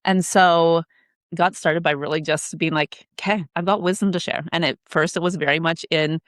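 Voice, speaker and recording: A woman's voice: sits low, steady tone, moderate pace, dry recording, studio quality. A woman guest on a podcast talking candidly about her coaching work, blunt and emphatic and swearing freely. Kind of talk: candid conversational interview. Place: in Canada.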